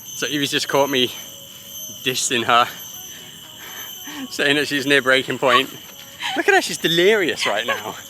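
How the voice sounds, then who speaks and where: A man's voice: mid-range voice, animated, a little slow, pauses often, sharp tone, slight background noise. A young man vlogging his travels outdoors, chatty and teasing, talking into a handheld camera. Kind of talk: casual vlog narration. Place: outdoors and in a cable car.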